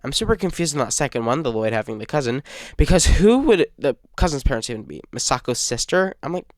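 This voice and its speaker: A man's voice: mid-range voice, sing-song, fast talker, no echo, clean studio sound. A young man reviewing a cartoon series in casual fan talk, rambling and hesitant, sick and stuttering. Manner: rambling, hesitant with frequent uh fillers. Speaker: fan channel host.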